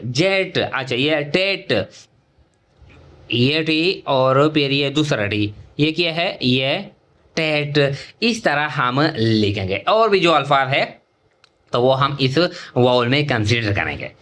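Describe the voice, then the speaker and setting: A middle-aged man gives a shorthand lesson at a deliberate, unhurried pace, his voice sitting somewhat high for a man. He draws out each example word and fills pauses with short hesitations while he writes. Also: sharp tone. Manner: drawn-out example words, thinking aloud with fillers. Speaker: shorthand teacher. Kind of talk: slow whiteboard-style lesson.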